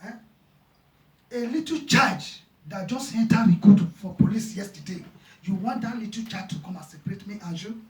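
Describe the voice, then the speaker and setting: A man's voice: sits high, moderate pace. A man, preaching a sermon with passion, repeating his phrases and acting out conversations. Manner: impassioned, repeats phrases, retells dialogue. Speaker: pastor. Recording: echoey church room, mic far off.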